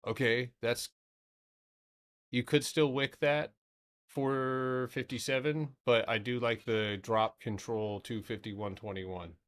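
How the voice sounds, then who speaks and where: A man's voice: medium pitch, steady tone, slow pace, fairly bright tone. A man in his thirties hosting a trading live stream, talking loosely through charts, swearing now and then and answering his chat. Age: 30s.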